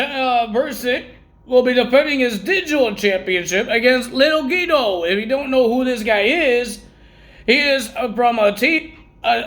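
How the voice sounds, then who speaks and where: A man's voice: sits high, a bit bright. A man recapping wrestling results in a casual vlog, rambling and correcting himself while he has the hiccups.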